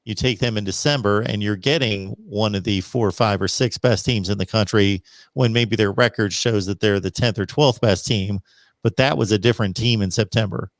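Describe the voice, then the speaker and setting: A man's voice: on the low side, normal speed, dry recording. A man hosting a call-in sports show in a casual, conversational style.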